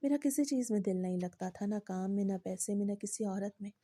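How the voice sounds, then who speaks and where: A woman narrating a scripted first-person moral story in a measured, steady way. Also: medium pitch, dry recording.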